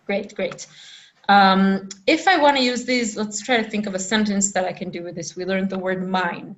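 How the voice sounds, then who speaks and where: A woman teaching a Hebrew lesson over a video call, patient and encouraging, repeating phrases slowly for her students. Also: medium pitch, steady tone. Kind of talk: online language lesson.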